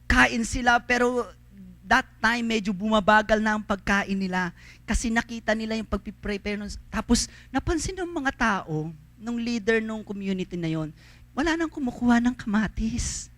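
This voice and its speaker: A man preaches at a church service in a very high, bright voice, moving between loud calls to the congregation and soft storytelling. He mixes English phrases into his Tagalog. The sound is dry and close, with little room echo. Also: lively intonation, moderate pace. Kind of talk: sermon.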